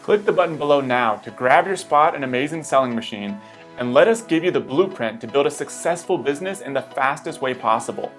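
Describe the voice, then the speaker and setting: A man delivering a scripted, urgent sales pitch as a promotional voice-over. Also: lively intonation, brisk, soft background music.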